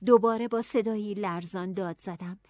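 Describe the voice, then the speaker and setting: A woman narrating a novel in an expressive audiobook style, dropping to hushed tones and rising to anxious cries. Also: mid-range voice, noisy background.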